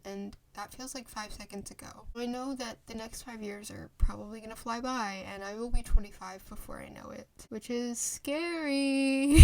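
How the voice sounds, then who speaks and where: With a voice on the high side yet dark in tone, a woman in her twenties chats casually to her phone camera. Her vlog wanders, crowded with fillers and restarts.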